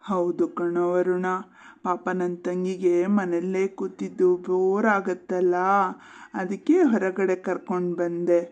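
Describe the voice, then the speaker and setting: A woman voicing a caring boy who calmly but firmly defends his little sister in a cartoon. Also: fairly low pitch, measured pace, muffled recording, lightly acted. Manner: calm, firm. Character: protective boy, caring older brother.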